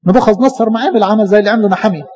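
A man with an Egyptian accent preaches quickly in a fairly high voice. He keeps asking rhetorical questions and briefly acts out what others say. The recording is slightly dull and lo-fi. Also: darkish tone. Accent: Egyptian Arabic. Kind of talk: sermon.

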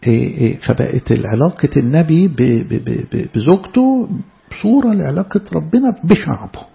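A man with an Egyptian Arabic accent teaches from the Bible in a chatty, questioning way. His voice is strongly gravelly and sits a little high. The recording sounds dull and lo-fi. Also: sing-song, normal speed. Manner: conversational, asks rhetorical questions. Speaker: preacher.

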